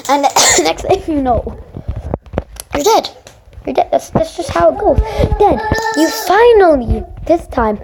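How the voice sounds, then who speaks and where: High-pitched rambling gamer over noise. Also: animated, a little slow, vocal fry, pauses often. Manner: rambling, stammering storytelling with sarcastic asides. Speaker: gaming video creator. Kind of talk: casual comedic game commentary. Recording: noisy home recording.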